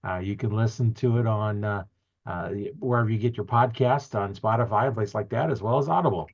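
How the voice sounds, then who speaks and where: A man's voice: on the low side, fairly quick, dull audio. A man hosting a podcast interview over a video call, talking in a folksy, rambling way with fillers. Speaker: podcast host.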